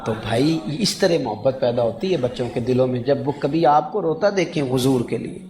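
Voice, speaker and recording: A man preaching a sermon in a heartfelt, pleading way, with quick bursts. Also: medium pitch, darkish tone.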